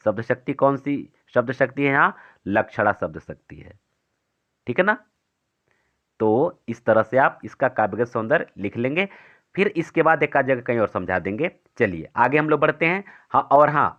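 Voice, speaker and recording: Teaching Hindi poetry for exam preparation, this man walks students through it step by step, poses questions and answers them himself, and recites the verses slowly. His pitch is medium, and the recording is muffled.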